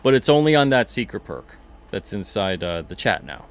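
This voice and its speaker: A man's voice: lowish voice, sing-song, moderate pace, a little hiss or hum. Chatty man hosting a livestream. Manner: chatty, rambling, repeats himself, reads chat comments aloud. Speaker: podcast host and comic publisher. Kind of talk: casual livestream chat.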